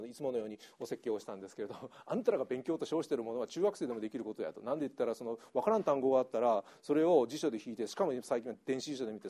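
A middle-aged man, an English teacher giving a chatty lecture that is full of laughter. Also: mid-range voice. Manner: lively, chatty, laughs often, slips into Kansai dialect. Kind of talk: lecture to an audience.

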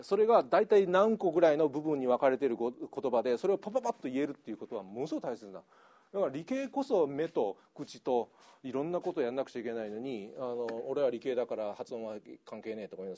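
A middle-aged man, an English teacher giving a chatty lecture that is full of laughter. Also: mid-range voice. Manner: lively, chatty, laughs often, slips into Kansai dialect. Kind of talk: lecture to an audience.

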